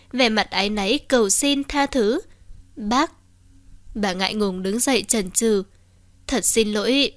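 A woman narrating a romance novel as an audiobook, reading every character's lines in much the same even voice. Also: a little high, no room sound.

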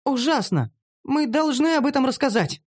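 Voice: mid-range voice, expressive, moderate pace, a little mellow, voice pushed up, close to an everyday voice. A narrator voicing a timid, earnest young female gnome who explains things carefully. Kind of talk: audiobook character voice.

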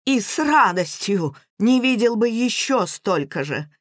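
A woman's voice: on the high side, sing-song, unhurried, no room sound, clean studio sound. Woman doing a grumbling, gloomy husband. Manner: gloomy, complaining. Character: grumbling middle-aged husband, turning forty.

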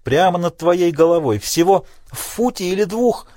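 Scared young woman trapped in a cave, high shaky sobbing voice, a guy reading her lines in an audiobook. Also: animated, normal speed, dark tone, dry recording, studio quality. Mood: panicked. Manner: sobbing, panicky pleading.

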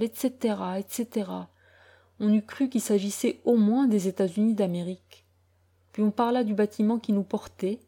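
Mellow woman reading a classic tale. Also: medium pitch. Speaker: audiobook reader. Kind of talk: literary audiobook narration.

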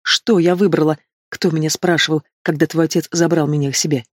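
Испуганная молодая пленница, умоляющая, со слезами в голосе, которую читает мужчина, аудиокнига. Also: male voice, fairly high pitch, steady tone, a little fast, no echo, studio quality, lightly acted. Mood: pleading. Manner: pleading, tearful. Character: young frightened captive woman, pleading.

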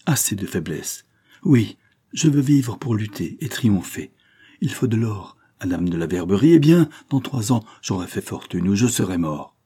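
A man's voice: low-pitched, expressive, normal speed, hardly any pauses, warm tone, slightly rough. A man reading an audiobook, voicing a passionate, despairing young nobleman in an impassioned, declamatory way. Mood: determined. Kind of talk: audiobook reading of a classic novel.

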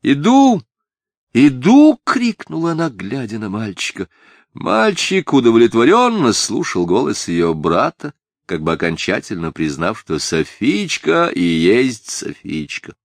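Deep-voiced expressive male narrator. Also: unhurried, no echo, studio quality. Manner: expressive, story-reading cadence. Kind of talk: scripted storybook narration.

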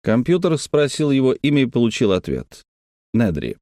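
A man narrating a novel as an audiobook, reading in a steady, even way. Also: medium pitch, normal speed, no room sound, studio quality. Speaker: audiobook reader. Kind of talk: scripted narration.

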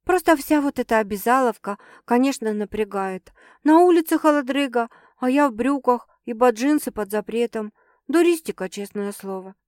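A woman's voice: a little high, lively intonation, normal speed, a little mellow, no echo, lightly acted. A woman voicing a grumbling young woman in an audiobook, dry and sulky. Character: grumbling young woman, new at a city job. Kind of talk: audiobook character voice.

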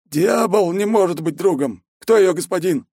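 A man's voice: high voice, normal speed, a little mellow, no room sound, studio quality, voice pushed up. A man voicing a wary, folksy middle-aged village headman and warrior who talks in a wheedling, cagey way. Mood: sly.

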